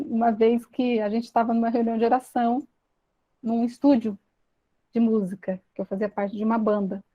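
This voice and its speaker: Brazilian woman, high voice, earnest confessional teaching talk, slightly dull lo-fi recording. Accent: Brazilian Portuguese. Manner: earnest, confessional, with restarts and tender pauses. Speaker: speaker of a self-help talk. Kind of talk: personal teaching talk to an audience.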